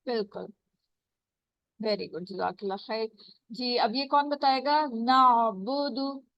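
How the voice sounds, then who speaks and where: A woman leads an online Quran recitation lesson, speaking slowly and patiently as she calls on students and models each sound. Her voice sits a little high. The call audio is dull and dry. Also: animated, vocal fry, no echo. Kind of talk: online tajweed class. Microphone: video call.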